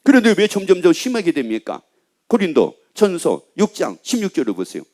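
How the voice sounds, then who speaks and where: A high, bright-voiced man preaching a sermon from the pulpit. He is animated and lively and keeps acting out the voices of the people in his stories. He speaks as a pastor addressing his congregation. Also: brisk. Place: church sanctuary.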